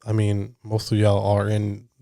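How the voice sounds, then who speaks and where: A man hosting a podcast, asking questions in a relaxed way, laughing easily and using casual slang. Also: fairly low pitch, a little slow, creaky, dry recording, clean studio sound. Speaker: podcast host. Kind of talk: casual interview conversation.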